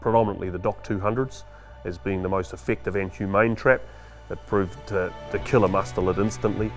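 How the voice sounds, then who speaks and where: A man's voice: deep voice, fairly even intonation, a little fast, faint music behind. A male farmer with a broad New Zealand Kiwi accent, explaining things casually in a matter-of-fact, laconic way. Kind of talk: casual explanatory talk to camera.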